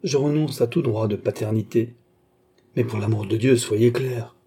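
A man's voice: mid-range voice, moderate pace, mellow, slightly rough, lightly acted. A man voicing a cocky, touchy male swindler in an audiobook, blustering and emphatic. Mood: pleading.

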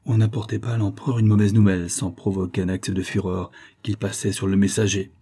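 A man reading an audiobook aloud, telling a first-person adventure with expressive, dramatic swells. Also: lowish voice, quick pace, breathy edge. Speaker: audiobook narrator. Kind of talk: scripted audiobook narration.

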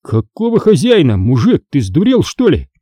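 A burly, blunt country villager in an audiobook, as a male narrator puts him on, his voice pushed higher and louder than the reading. He bursts out in coarse, folksy phrases. The voice stays dark and husky in a dry recording. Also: huge pitch swings, moderate pace, dry recording, full character voice. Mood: indignant.

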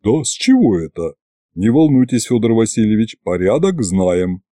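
A man voicing a burly, plain-spoken male governor in a storybook reading, talking gruffly and with respect. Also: lowish voice, big pitch swings, moderate pace, dark tone, no room sound, studio quality. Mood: deferential.

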